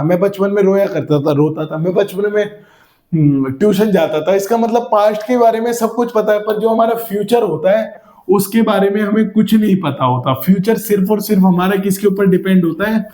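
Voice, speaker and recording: A man's voice: high-pitched, dark tone, echoey room. A man teaching a grammar lesson to a class, explaining by asking questions and repeating simple examples.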